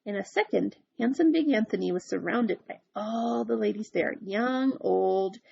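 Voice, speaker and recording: A woman's voice: mid-range voice, unhurried, gravelly, darkish tone, breathy edge, lo-fi sound. A woman reading a picture book aloud in a playful way, with chatty asides to the listener. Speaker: storyteller.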